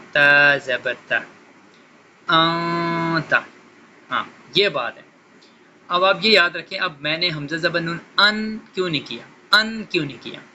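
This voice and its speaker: A man teaching Quran recitation to beginners, patiently explaining rules and slowly spelling out letters syllable by syllable. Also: mid-range voice, noisy background. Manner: slow drawn-out syllables when spelling letters.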